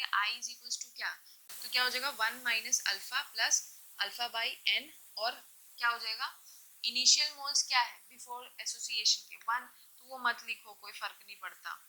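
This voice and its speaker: A woman's voice: fairly high pitch, steady tone, measured pace, bright, forceful tone, low-quality recording. A woman teaching a chemistry lesson, explaining step by step and often asking questions, then answering them herself. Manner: checks in often with short confirmations. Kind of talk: classroom lecture mixing Hindi and English.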